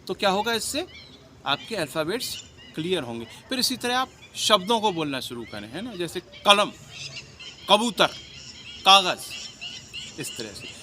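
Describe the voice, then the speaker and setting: Lively man teaching an acting lesson. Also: moderate pace, slight background noise. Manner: explanatory, demonstrating words with shifts in pitch and loudness. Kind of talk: casual spoken acting lesson.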